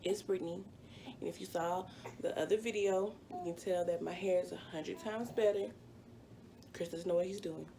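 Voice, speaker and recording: A woman's voice: lowish voice, steady tone, normal speed, dark tone, slight background noise. A woman in her twenties, a vlogger chatting through a personal story with plenty of fillers. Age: 20s. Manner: chatty, rambling, full of fillers. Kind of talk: casual storytime.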